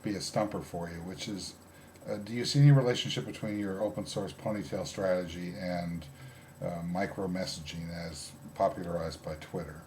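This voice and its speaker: A male interviewer with a very low, deep voice. He pauses and hesitates a lot, filling the gaps with halting fillers. He keeps a dry, patient tone in a comedy sketch interview. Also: fairly even intonation, a little mellow, a little hiss or hum.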